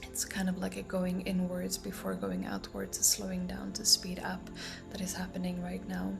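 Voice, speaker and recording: A woman talking casually in a promotional vlog as a breathwork guide, unhurried and meandering with thoughtful pauses, her voice turning breathy at phrase ends. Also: on the low side, over music.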